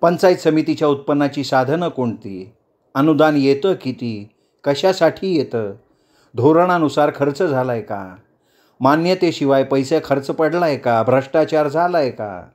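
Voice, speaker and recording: A man's voice: fairly high pitch, lively intonation, a little slow, a little mellow. A man voicing a defiant woman council chair who addresses a crowd in a rousing, commanding speech.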